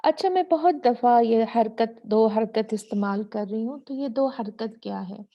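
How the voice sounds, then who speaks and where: A woman teaching Quran recitation rules in a patient, slow lesson, drawing out syllables for learners to repeat. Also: fairly high pitch, dull audio.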